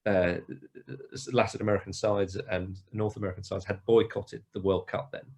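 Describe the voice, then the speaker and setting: Very low-voiced podcast host. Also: male voice, level tone, moderate pace, a little mellow. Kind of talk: podcast conversation.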